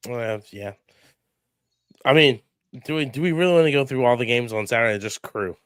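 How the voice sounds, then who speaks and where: Hoarse man after a coughing fit. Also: medium pitch, moderate pace, fairly bright tone, no echo, clean studio sound. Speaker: podcast co-host. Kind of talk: casual sports chat.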